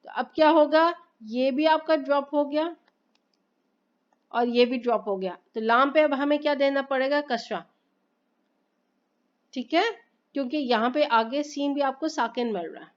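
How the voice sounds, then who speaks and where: A woman teaching Arabic grammar in a slow, explanatory lesson, asking questions and answering them herself and reciting phrases carefully. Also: high-pitched, highs cut off. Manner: patient, repeats points and asks herself questions.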